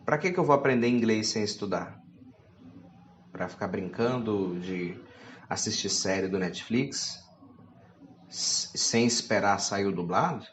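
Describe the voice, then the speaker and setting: A man's voice: fairly low pitch, measured pace, long pauses, roomy sound, slight background noise. A man preaching a teaching sermon, reading scripture aloud and asking his listeners rhetorical questions.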